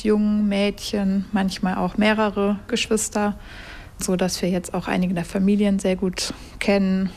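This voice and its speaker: A woman's voice: medium pitch, a little mellow. A woman rugby coach answering interview questions in an earnest, explanatory way.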